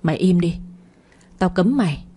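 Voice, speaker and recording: An older village mother, enraged and harsh, lashing out at her grown son in a narrated audio story, played by a woman. The voice sits low and mellow with a husky edge. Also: expressive, normal speed. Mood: furious.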